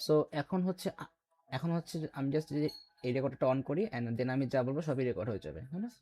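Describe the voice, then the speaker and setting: A man's voice: medium pitch, animated, fast, dark tone, a little hiss or hum. A man teaching a computer class, explaining step by step and quizzing his students with questions. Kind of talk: classroom lecture.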